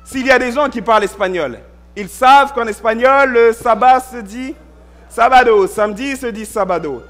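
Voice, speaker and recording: In a church, a man delivers a sermon as pastor, drawing out and emphasizing important words and occasionally shouting. His pitch is extremely high, and he speaks at a normal speed.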